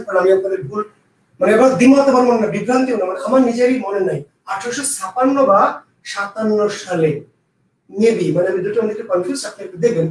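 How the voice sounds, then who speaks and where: A man teaching an exam prep lesson, repeating key answers and quizzing his students aloud. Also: sits high. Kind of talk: lecture. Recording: echoey room, mic at a distance.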